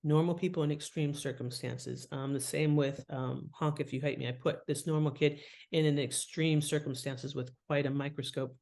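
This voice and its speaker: Speaking at a normal speed with few pauses, this woman has a deep voice. As a fiction author and editor guesting on a podcast, she chats animatedly and expressively, acting out imagined thoughts and small asides as she explains things.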